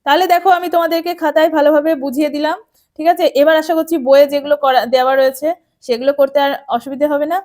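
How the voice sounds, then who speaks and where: High-voiced woman teaching grammar. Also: steady tone, rapid-fire, a little mellow. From West Bengal, India. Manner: patient, repetitive, checking in with students often. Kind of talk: explaining an English grammar lesson.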